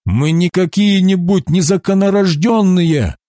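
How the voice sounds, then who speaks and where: Indignant male challengers arguing back, as one reader voices them. The voice rises high with a lot of pitch movement, and the sound is dry and close. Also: sing-song, takes it slowly, darkish tone, no echo, heavily acted.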